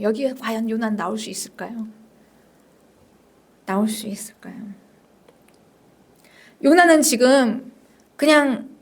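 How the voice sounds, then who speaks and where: A woman's voice: a little high, slightly rough. A woman senior pastor preaching a sermon, emphatic and repetitive, questioning her congregation and sometimes dropping to a whisper. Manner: emphatic, repeats phrases, drops to whispers at times; addresses the congregation directly with questions.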